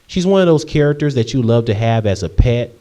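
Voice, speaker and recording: A warm-toned, expressive man at medium pitch talks briskly while answering viewer questions in a casual Q&A vlog. He's from Michigan, in his late twenties, and his chatty delivery rambles, with frequent ums and restarts.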